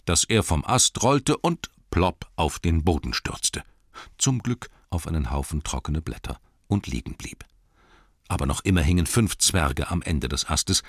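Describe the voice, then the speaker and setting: Deep-voiced man reading a storybook. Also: no room sound, clean studio sound. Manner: expressive, lively, asides to listeners. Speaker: audiobook narrator. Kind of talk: storybook narration.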